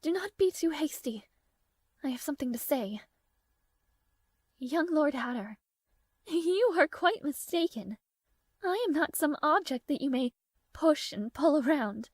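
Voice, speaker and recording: A woman playing a proud, easily flustered young princess in a romantic fantasy audio roleplay, speaking formally and haltingly. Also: high voice, expressive, no room sound. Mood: firm, indignant. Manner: formal, halting, hesitant, prim.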